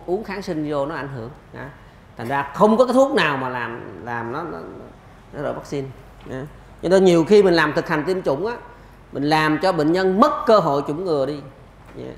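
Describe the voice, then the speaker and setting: A man's voice: a little high, vocal fry, reverberant. A man lecturing on pediatrics, answering questions emphatically with rhetorical questions.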